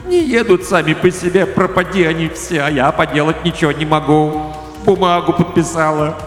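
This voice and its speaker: A man's voice: moderate pace, lightly acted. A man voicing a weary, grumbling female spirit of parting in a radio story reading. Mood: complaining. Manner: complaining, high and loud. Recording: echoey room with faint music.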